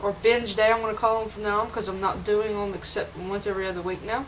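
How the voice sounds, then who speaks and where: A fast-talking young vlogger with a mid-range voice and fairly even intonation chats earnestly from home, rambling and restarting her sentences. Slight background noise sits under the dull lo-fi camera-mic audio.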